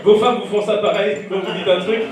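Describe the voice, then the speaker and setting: A man works a dinner crowd as a stand-up emcee, joking and teasing people at their tables. His voice sits a little high and carries from a distance through a boomy, echoing room. A lively audience murmurs all around him. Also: a little fast. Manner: teasing, banters with diners. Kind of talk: live stand-up crowd work. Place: comedy club during dinner service.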